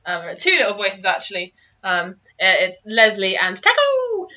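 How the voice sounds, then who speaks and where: Bright, giggly woman game master. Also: medium pitch, moderate pace, highs cut off. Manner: giggly, animated, informal. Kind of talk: casual improvised tabletop game narration.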